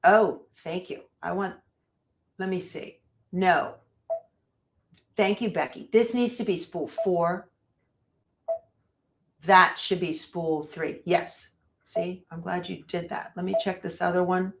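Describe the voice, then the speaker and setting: A woman's voice: lowish voice, steady tone, slow pace, vocal fry, pauses often, slight background noise. A woman teaching machine embroidery on a live stream, thinking aloud as she sets up her machine and chatting with viewers. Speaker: embroidery instructor. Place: sewing room.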